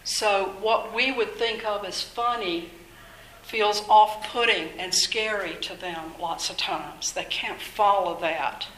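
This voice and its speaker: Older woman, earnest workshop speaker, unhurried delivery, echoey meeting room. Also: mid-range voice, fairly even intonation, a bit bright, a little hiss or hum. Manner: earnest, measured, faith-minded. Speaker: speaker at a workshop on mental illness. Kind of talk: informal talk to an audience.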